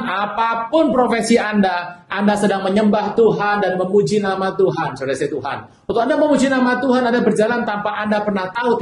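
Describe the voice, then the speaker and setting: A male pastor preaching a sermon in an animated way, acting out people's desperate cries for help. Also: sits high, roomy sound.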